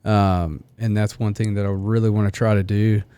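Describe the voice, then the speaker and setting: A man's voice: fairly low pitch, level tone, normal speed, mellow, smooth, no echo. Man, forties, podcast host, reflective casual chat, laughs easily, dry recording. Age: 40s. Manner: easygoing, reflective, laughs often.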